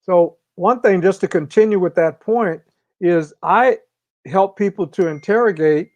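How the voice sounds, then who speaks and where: A man speaking as an interview guest, explaining ideas in a measured, deliberate way with long pauses. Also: high voice, darkish tone, dry recording, lo-fi sound. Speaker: interview guest, organizational consultant. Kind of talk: reflective conversational explanation.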